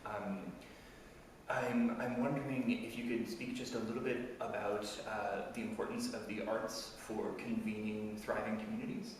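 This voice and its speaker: Flat-voiced moderator man, echoey call. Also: on the low side. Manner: measured, hesitant questioning with many fillers. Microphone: video call. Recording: echoey room, distant mic, audible noise.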